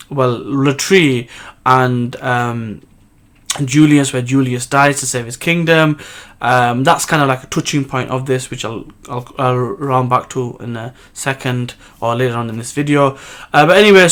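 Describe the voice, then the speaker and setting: A man's voice: medium pitch, a bit bright. A man hosting a manga review channel, recapping the chapter in a casual, rambling way with many fillers and self-corrections.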